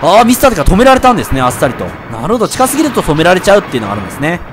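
Fast-talking male gamer, jumpy and loud over quiet game music. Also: high voice. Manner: excitable, yelps and shouts at hits. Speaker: let's play gamer. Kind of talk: excited game commentary.

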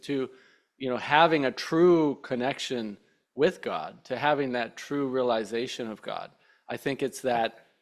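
A man in his thirties hosting a podcast from a home studio, speaking earnestly and thoughtfully with many hesitations into a mic on a boom arm. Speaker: podcast host. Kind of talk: reflective interview conversation. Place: home studio with shelves and plants.

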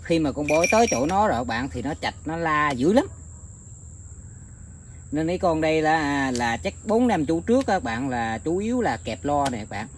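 A man talking casually to his viewers outdoors, rambling with many filler pauses. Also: fairly high pitch, big pitch swings, a little hiss or hum. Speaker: bird-trapping vlogger. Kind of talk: casual outdoor vlog narration. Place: outdoors in countryside.

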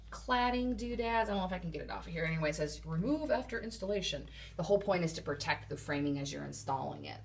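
A woman's voice: deep voice, creaky, slight background noise. A woman giving a rambling, casual walkthrough, full of ums and asides, filmed on a handheld phone inside an unfinished wooden shed. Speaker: vlogger building a tiny house.

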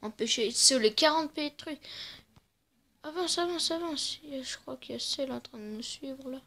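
A woman's voice: sits high, a little fast, gravelly, a bit bright. A woman giving casual let's-play commentary, playful and trash-talking the game, often muttering under her breath. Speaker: gamer.

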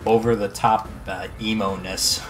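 A man's voice: fairly low pitch, little pitch movement, a little slow, faint music behind. A man co-hosting a let's play, chatting earnestly about the games he loves, with dry quips. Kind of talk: casual gaming commentary.

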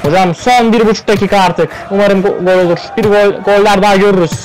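A man calling an online football game play by play, firing off player names and bursting out in excitement at the goals. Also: high voice, fast, rough recording. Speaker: play-by-play commentator. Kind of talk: live esports play-by-play commentary.

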